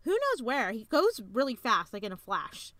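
Young woman chatting on a podcast, bright high voice, dry close sound, giggly. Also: wildly swooping pitch, dry recording. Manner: chatty, giggly, gets loud and playful when rushed. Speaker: podcast co-host. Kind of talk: casual book-club chat.

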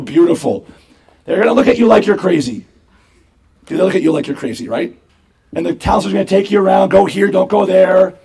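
An older man, a priest, giving an animated sermon to campers with a hoarse, worn voice. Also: high-pitched. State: hoarse, voice nearly gone. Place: camp gathering.

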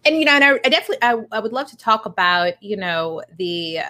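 A woman's voice: medium pitch, lively intonation, quick pace, bright, forceful tone. A woman hosting a podcast interview, asking questions in a hesitant way full of fillers. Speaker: podcast host. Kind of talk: casual interview conversation.

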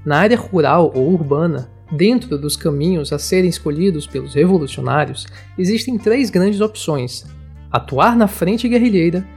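A narrator reads a scripted political manifesto. The voice is husky and mid-pitched, and the delivery is formal and measured. Faint instrumental music plays behind it. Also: darkish tone.

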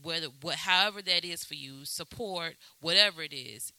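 A man's voice: fairly high pitch, normal speed, bright, forceful tone, dry recording, rough recording. A man co-hosting a podcast, speaking heartfelt and reflective in casual chat, with many fillers.

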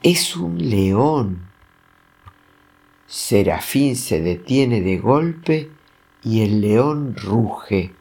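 A man reading a children's story aloud, with an expressive, animated delivery. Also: lowish voice, extremely slow, vocal fry.

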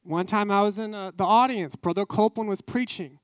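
A man's voice: high-pitched, a little fast, smooth, no echo, clean studio sound. A man preaching a testimony sermon, fervent and emphatic, repeating his key phrases.

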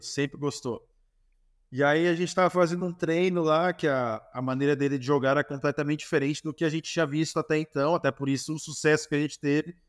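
Brazilian man telling stories in an interview. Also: fairly high pitch. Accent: Brazilian Portuguese. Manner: animated, lively storytelling with acted dialogue. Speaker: former goalkeeper, guest. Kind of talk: storytelling interview answers.

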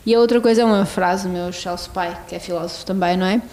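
A woman hosting a casual podcast conversation, speaking in a measured, deliberate way. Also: lowish voice, steady tone, a little mellow.

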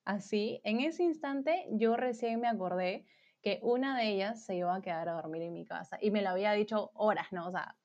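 A woman's voice: mid-range voice, normal speed, darkish tone. A woman telling a story in casual chat, full of slang and fillers. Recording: dull lo-fi sound.

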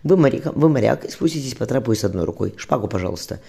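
A man's voice: medium pitch, lively intonation, quick pace, creaky, mellow, husky. A man reading as a dry, commanding official.

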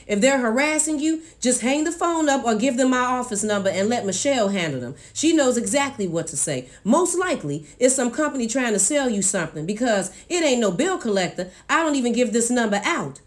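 A woman reading the part of a cool, evasive man who speaks abruptly and in a monotone. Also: on the high side, fairly quick, hardly any pauses, close to an everyday voice. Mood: brusque.

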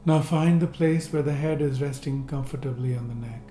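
A man guiding a seated relaxation and breathing meditation, giving slow, calm, gentle instructions with long pauses. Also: mid-range voice. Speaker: meditation guide. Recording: roomy echo with faint music.

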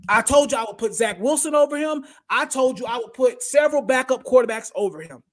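A man's voice: extremely high pitch, lively intonation, brisk. Blunt, heated man ranting about sports. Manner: slangy, says "bro" and "y'all". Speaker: podcast host. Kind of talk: casual sports talk.

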